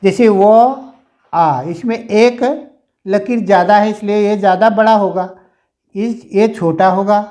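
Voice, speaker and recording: High-pitched yet warm and steady in tone, a male teacher works through a grammar lesson in class. He keeps repeating himself and lengthens sounds as he models them.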